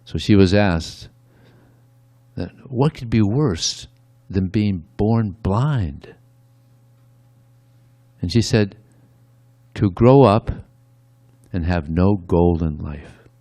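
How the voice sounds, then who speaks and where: A man's voice: sits low, lively intonation, extremely slow, long pauses, warm tone, no echo. A man giving a conversational devotional sermon, often adding "yeah" between points. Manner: conversational, frequent "yeah" asides. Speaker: speaker at a temple.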